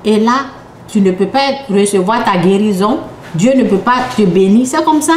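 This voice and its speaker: A woman preacher giving a sermon with personal testimony, emphatic and repetitive, sometimes dropping to a hush. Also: mid-range voice, lively intonation, moderate pace, slight background noise. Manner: emphatic, repetitive, drops to hushed tones. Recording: echoey room with faint ambience.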